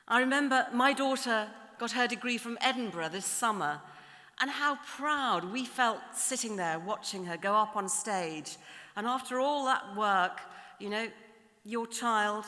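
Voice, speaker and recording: Bright-voiced woman addressing a big hall. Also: medium pitch. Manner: measured, rhetorical, builds lists and repetitions. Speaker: graduation ceremony speaker. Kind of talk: formal ceremonial address. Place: large ceremony hall. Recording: long hall reverb in a large hall.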